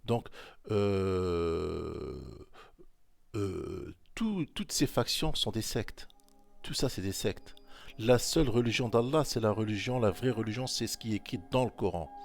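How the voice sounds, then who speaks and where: Soft music plays behind a man who gives informal commentary on scripture, talking straight to the listener. His low voice is expressive and measured, with vocal fry, and he repeats his points in insistent exhortation.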